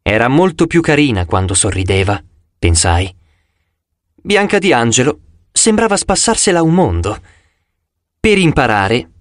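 A man reading a first-person audiobook narration in an expressive storytelling manner. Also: mid-range voice, no echo, clean studio sound.

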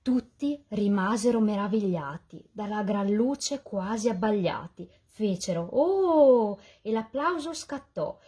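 Husky, sing-song woman reading a children's story. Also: medium pitch, a little slow, few pauses. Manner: lively, sing-song rhyming delivery. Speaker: volunteer children's book reader.

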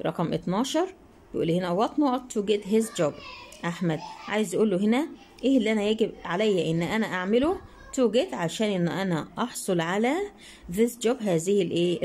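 A young woman teacher with an Egyptian Arabic accent works through an English workbook. She drags out the English phrases word by word, then rattles off the Arabic explanation. Her voice sits at an ordinary middle pitch. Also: lively intonation, darkish tone, slight background noise. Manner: reads English prompts slowly, then explains quickly with rhetorical questions. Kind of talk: exam-answer lesson in Egyptian Arabic.

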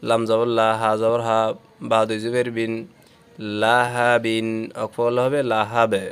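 A man's voice: lowish voice, completely flat delivery, moderate pace, clear, resonant tone. A man teaching Quran reading, patiently spelling out each syllable letter by letter and joining them into words.

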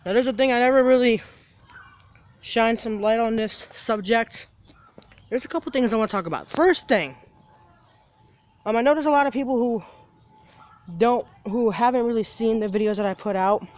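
His voice is extremely high-pitched, at normal speed with frequent pauses. He's a seventeen-year-old doing a casual daily vlog outside near a parking lot, phone held at arm's length, rambling, repeating himself and starting sentences over.

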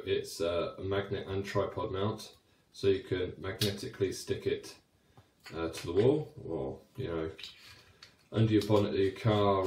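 Deep-voiced man reviewing gear. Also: darkish tone, echoey room, a little hiss or hum. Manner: chatty, rambling with fillers and restarts. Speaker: cycling light reviewer. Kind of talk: casual product review. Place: small wooden shed, then a home room.

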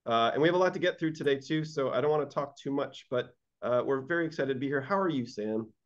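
A man's voice: mid-range voice, fast. Joking man hosting a livestream, dull audio. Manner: joking, self-deprecating, rambling. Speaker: livestream host. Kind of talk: casual live-stream hosting.

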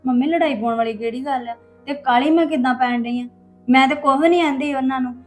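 In this acted family drama dialogue, a young actress voices an upset wife, wounded and defensive, who pleads and complains. She speaks quickly in a high, slightly mellow voice that sounds close to everyday speech, with faint music behind her.

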